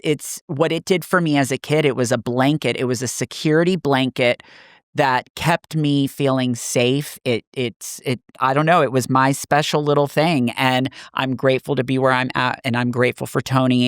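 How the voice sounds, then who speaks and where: A man's voice: medium pitch, smooth, dry recording, clean studio sound. A man co-hosting a casual podcast, speaking earnestly and emphatically, often repeating phrases for weight. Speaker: podcast co-host.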